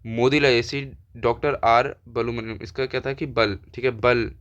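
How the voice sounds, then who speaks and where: A man's voice: mid-range voice, steady tone, a little slow, fairly bright tone. A young man teaching an exam-prep lesson in casual chat, thinking aloud and repeating keywords again and again. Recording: dull lo-fi sound.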